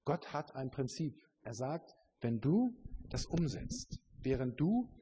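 A man's voice: mid-range voice, sing-song, slow pace, mellow, slight background noise. A man preaching a sermon in an earnest, searching way, with many fillers and restarts.

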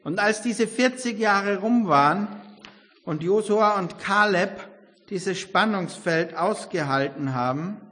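An older man preaching a sermon, emphatic, swinging between loud exclamations and quiet reflection. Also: sits high, takes it slowly. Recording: long hall reverb.

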